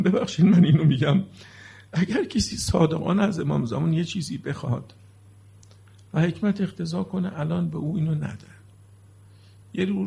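Husky, gravelly-voiced male preacher. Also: fairly high pitch, dark tone. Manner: emotional, shifting from earnest explanation to mournful lament. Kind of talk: religious sermon to a seated congregation.

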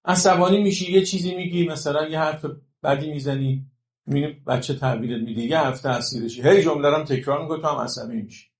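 Gravelly-voiced man giving a religious talk. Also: a little high, fairly even intonation, roomy sound. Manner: explanatory, asks listeners rhetorical check-questions. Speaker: religious lecturer.

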